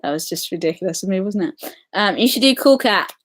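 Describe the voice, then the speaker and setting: A woman hosting a casual live stream, chatty and excitable, answering viewer comments with lots of ums. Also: medium pitch, brisk, breathy edge. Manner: chatty and excitable, many ums, reacts to comments as they come.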